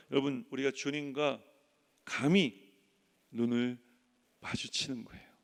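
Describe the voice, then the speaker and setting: A male pastor preaching a sermon, swinging from loud emphatic lines to hushed soft ones and acting out the people in his story. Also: a little high, clean tone, in a large hall. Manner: acts out quoted voices in dialogue. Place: church sanctuary.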